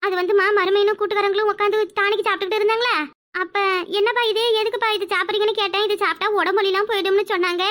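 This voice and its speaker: A woman's voice: very high voice, flat delivery, very fast, a bit bright. A woman voicing a boozy, sly old village grandmother in a cartoon, with a whiny, pleading rustic manner. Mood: rambling. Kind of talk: cartoon voice acting.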